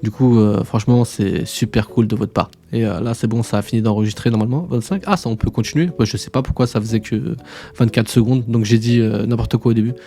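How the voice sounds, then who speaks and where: A man's voice: medium pitch, fairly even intonation, a little fast, gravelly, warm tone. A man hosting a casual screen-share tutorial, informal and slangy, chatting to viewers like buddies. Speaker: tutorial host.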